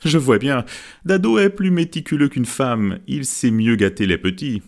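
A man's voice: medium pitch, moderate pace, vocal fry, darkish tone, pitched above the performer's own voice, close to an everyday voice. A man reading the lines of a teasing adult man who chides a friend in a wry tone, in an audiobook.

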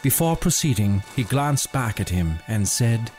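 A man narrating a scripted story in a measured, dramatic storytelling manner. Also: mid-range voice, expressive, darkish tone. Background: faint music.

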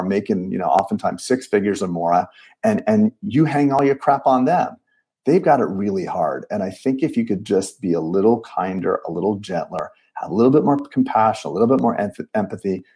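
A man in his late forties, a dentist guest talking in an animated, emphatic way on a podcast. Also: fairly low pitch, breathy edge. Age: 40s. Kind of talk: casual podcast conversation.

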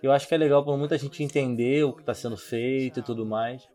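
Man, Brazilian Portuguese accent, medium pitch, soft mellow tone, casual co-host chat, faint music. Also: fairly even intonation, quick pace. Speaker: podcast co-host.

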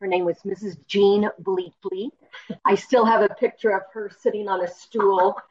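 A woman's voice: mid-range voice, flat delivery, normal speed, a little mellow. Reflective woman in her sixties, muffled audio. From Colorado, USA. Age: 60s. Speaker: guest, dancer. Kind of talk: interview storytelling.

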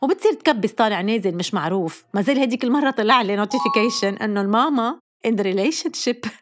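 A woman with a Lebanese accent performing a comedic monologue, rattling off her lines quickly. Her voice sits a little high, and her delivery is wry and teasing. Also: animated, background noise.

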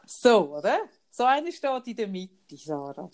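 A Swiss German woman co-hosting a podcast talks in a loose, chatty way. She teases her friend, laughs easily and jumps between topics. Her voice sits at a middle pitch. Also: very animated, unhurried. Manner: teasing, chatty, laughs often. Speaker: podcast co-host. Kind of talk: casual chat.

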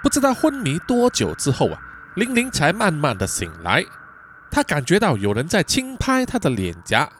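Narrating a thriller for his podcast, this storyteller host has a fairly high voice and a lively, dramatic delivery with stretched-out particles. There is slight noise in the background.

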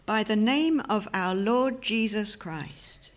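A woman's voice: mid-range voice, slow. Earnest woman preaching. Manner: earnest, emphatic expository preaching. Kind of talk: sermon.

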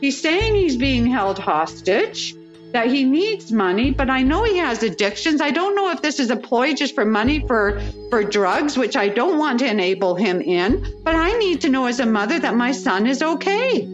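A woman with a somewhat high voice tells what happened to her son, stopping and restarting often. The audio is a little dull and lo-fi, with soft music underneath. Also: very animated. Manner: halting, repeats herself. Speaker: interviewee, mother of a missing son. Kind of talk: emotional recounting in an interview.

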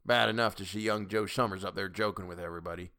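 A man voicing a grumpy, stubborn old village elder who speaks gruffly and petulantly. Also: deep voice, steady tone, fast talker, bright, forceful tone. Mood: scornful.

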